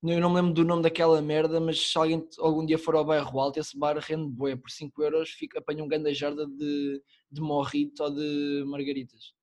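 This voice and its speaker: A young man with a Lisbon Portuguese accent and a slightly high-pitched voice. He talks like a podcast co-host among friends, casual and slangy. Swear words come freely. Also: monotone, brisk, hardly any pauses, darkish tone. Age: young adult. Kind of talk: casual chat. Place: online call.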